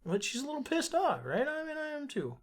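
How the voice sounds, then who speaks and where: A man in his thirties co-hosting a podcast, telling a profane story in a loose, animated way. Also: very high voice, a little fast. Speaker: podcast co-host. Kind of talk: casual chat.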